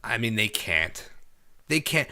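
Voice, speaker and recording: A man's voice: lowish voice, very animated, takes it slowly, sharp tone. A man co-hosting a wrestling podcast, chatting casually and opinionatedly, repeating points for emphasis. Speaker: podcast co-host.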